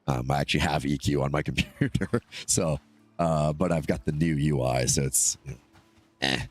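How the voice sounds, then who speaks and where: A man with a stuffy nose from a cold rambles chattily to his stream viewers as he plays, addressing their chat messages between changes of topic. His voice is very deep and moderately paced.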